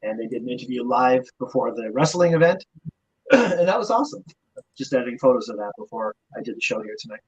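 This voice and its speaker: A man's voice: mid-range voice, big pitch swings, fast, husky. A man co-hosting a podcast, rambling casually with hesitant fillers. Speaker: podcast co-host. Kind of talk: casual chat. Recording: muffled lo-fi sound.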